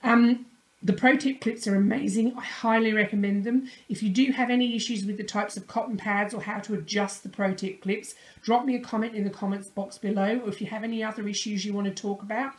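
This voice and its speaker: A woman beauty vlogger, casually demonstrating nail products in a chatty, friendly way with a slightly croaky voice. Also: mid-range voice, steady tone, brisk. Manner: chatty, friendly, with many fillers and restarts.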